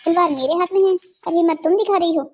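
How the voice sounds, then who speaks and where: A woman's voice: very high-pitched, fast talker, darkish tone, soft background music. A woman voicing a swaggering male kidnapper with a sword in a cartoon story, talking in taunting, sneering threats.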